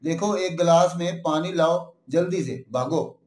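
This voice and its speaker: A man voicing an irritable middle-aged film villain who scolds and shouts for a servant. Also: a little high, measured pace, echoey room, natural voice. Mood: hurried.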